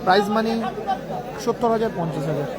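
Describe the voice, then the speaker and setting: A man's voice: sits high, quick pace. A man giving live football commentary and chatting to online viewers. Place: outdoors at a local football ground. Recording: loud crowd at an outdoor match. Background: loud crowd noise.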